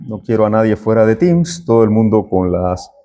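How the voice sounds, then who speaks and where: A man's voice: on the low side, sing-song, a little slow, dark tone, muffled recording. A middle-aged man, a university lecturer taking roll and chatting with students in a classroom. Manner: friendly, chatty, jokes with students.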